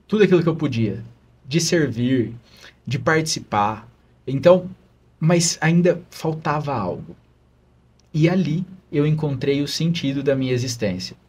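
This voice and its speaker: A man's voice: mid-range voice, darkish tone, slightly rough. A man, a religious brother, telling an earnest, emotional story of his calling in a podcast interview.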